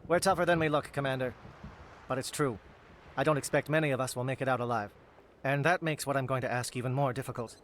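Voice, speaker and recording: An actor voicing a calm, grave alien captain in video game dialogue, precise and matter-of-fact. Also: male voice, medium pitch, quick pace, slight background noise, natural voice. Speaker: Salarian captain planning an assault.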